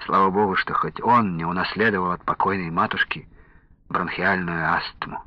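A man narrating an audiobook in a measured, expressive reading voice, in a dull lo-fi recording. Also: sits low, no echo. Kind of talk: scripted narration.

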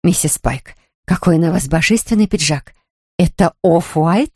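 A woman reading an audiobook, voicing a brisk, sharp-tongued cousin who speaks in a low, curt way. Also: breathy edge, no room sound, studio quality. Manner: low curt hurried talk.

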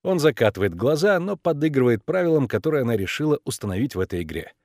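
Animated male audiobook narrator. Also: mid-range voice, fast talker, dry recording, clean studio sound. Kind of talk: scripted narration.

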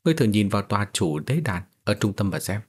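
A man reading a storybook voicing a calm young male cultivator who speaks in a composed, matter-of-fact way. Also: lowish voice, quick pace, husky.

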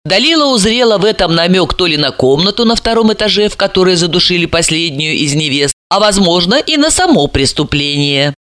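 Brief: woman narrator for an audiobook, lively and bright, dry recording. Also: on the low side, a little fast, few pauses, no room sound. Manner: expressive storytelling. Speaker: audiobook reader. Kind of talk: scripted narration.

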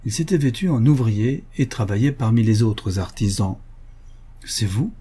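Husky-voiced male storyteller. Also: lowish voice. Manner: measured, expressive. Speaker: narrator. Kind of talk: reading a classic short story aloud.

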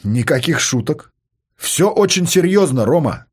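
A man's voice: fairly high pitch, measured pace, breathy edge, heavily acted. Man playing a cold taunting psychologist. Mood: coolly taunting. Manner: calm, mocking, taunting. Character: cold, provocative male psychologist.

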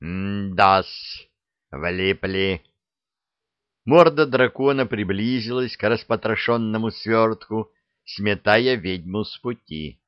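Man, audiobook narrator, low voice, very slow, dull dry recording. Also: no echo. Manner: expressive storytelling. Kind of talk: fairy-tale audiobook reading.

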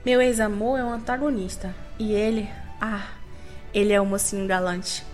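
A woman's voice: medium pitch, fairly even intonation, normal speed, darkish tone. A young woman giving a theatrical, wry, self-mocking dramatic literary reading. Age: young adult. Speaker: reader of her own literary monologue. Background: faint music.

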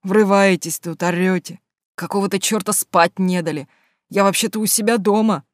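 A narrator voicing a sleepy, insolent young male student who answers back in a low, sullen voice. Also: fairly even intonation, normal speed, no room sound, studio quality, natural voice.

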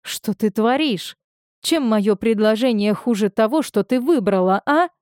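A woman's voice: fairly high pitch, animated, unhurried, darkish tone, no echo, clean studio sound. A woman voicing an angry, domineering young man who speaks in curt commands. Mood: commanding.

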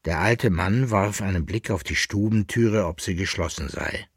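A man reading a historical novel aloud in a measured, expressive manner for radio. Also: low voice, breathy edge, dry recording, studio quality. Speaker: reader. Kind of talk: audiobook narration of a historical novel. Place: radio studio.

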